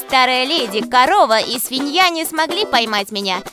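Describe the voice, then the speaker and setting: Woman as the Gingerbread Man, small high-voiced cartoon boaster. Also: expressive, moderate pace, music in the background. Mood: cheeky taunting. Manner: boastful, taunting. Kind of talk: children's cartoon fairy tale acting.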